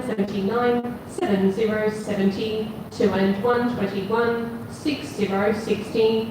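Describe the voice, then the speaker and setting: A woman calls bingo, announcing each number in a measured, repetitive pattern. Her voice sits at an average pitch and carries from a distance through a very echoey hall, with clear room noise around it. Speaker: bingo caller. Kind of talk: bingo calling, numbers read digit by digit.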